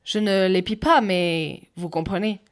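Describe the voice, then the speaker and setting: A woman's voice: medium pitch, steady tone, measured pace, close to an everyday voice. A woman voicing a prim, stern elderly lady with an English accent, speaking genteelly in a storybook.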